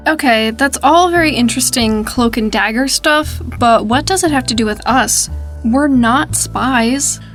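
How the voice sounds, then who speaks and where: A woman's voice: a little high, a little slow, a bit bright, soft background music. An actress playing a sarcastic, skeptical young woman investigator in an audio drama. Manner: dry, sarcastic.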